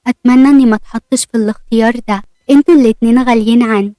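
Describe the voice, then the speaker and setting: Woman reading as a gentle young Egyptian wife. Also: a little high, steady tone, rapid-fire, no echo, close to an everyday voice. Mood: coy. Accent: Egyptian Arabic.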